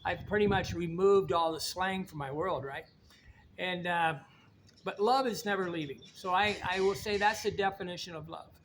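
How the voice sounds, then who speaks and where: A middle-aged man from Indiana with a high voice, talking in a loose, rambling monologue. He is blunt and folksy and stumbles over repeated words. Faint ambient noise sits behind him. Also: moderate pace, fairly bright tone. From Indiana, United States. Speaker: vlogger. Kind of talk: casual monologue to camera.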